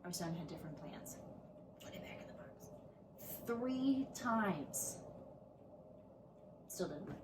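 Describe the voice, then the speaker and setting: A woman's voice: lowish voice, animated, takes it slowly, pauses often, roomy sound. Blunt, playful woman co-host, distant mic. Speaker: podcast co-host. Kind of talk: casual chat. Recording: distant mic with clear background noise.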